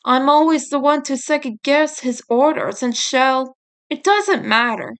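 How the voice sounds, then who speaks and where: A woman as Raph, a high-pitched blunt teenage turtle. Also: measured pace, a bit bright. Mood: guilty, upset. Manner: blunt, awkward about feelings. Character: gruff teenage mutant turtle brother, guilt-ridden, male.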